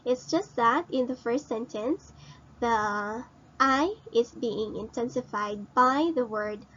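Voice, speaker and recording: Woman teacher, slow and patient, asks students questions, slightly high voice, lo-fi recording. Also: a bit bright, slight background noise. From Philippines. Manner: explains slowly and repeats, asks students questions. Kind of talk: recorded grammar lesson.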